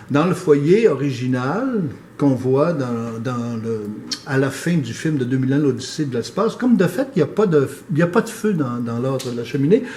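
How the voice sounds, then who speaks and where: A man who explains his painting thoughtfully and hesitantly, with many pauses. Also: a little high, darkish tone, a little hiss or hum. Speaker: painter, interview guest. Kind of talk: casual explanation. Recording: echoey room, mic at a distance.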